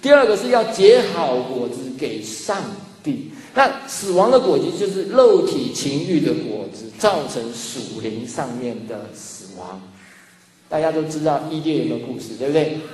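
Pastor guy preaching, highish voice, acts out little scenes, big echoey hall w faint hum. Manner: animated storytelling, acts out dialogue. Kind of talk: sermon.

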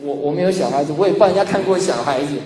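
A man's voice: on the high side, very fast, a crowd in the background. A man preaching a sermon as pastor, telling stories animatedly and acting out dialogue. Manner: animated storytelling, acts out dialogue. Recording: echoey hall with faint ambience.

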